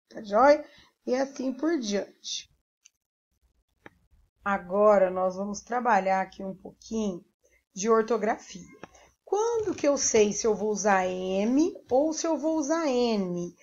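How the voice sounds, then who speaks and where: Brazilian lady teacher, slow and patient, kinda high voice, dull lo-fi sound. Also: darkish tone. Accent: Brazilian Portuguese. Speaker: primary school teacher. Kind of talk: remote classroom lesson. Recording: dull lo-fi recording.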